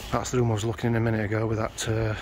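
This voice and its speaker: A man's voice: lowish voice, monotone, racing. A man giving terse, muttered running commentary as he explores an abandoned rural building on a handheld camera. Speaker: urban explorer. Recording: noisy outdoor ambience.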